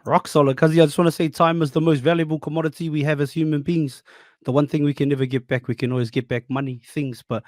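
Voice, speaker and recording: A man with a fairly high voice and a broad Kiwi accent hosts a casual podcast chat. He is slangy, matey and jokey. The sound is dry and close, with no room on it. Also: steady tone, fast, darkish tone, no echo. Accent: broad New Zealand. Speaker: podcast host.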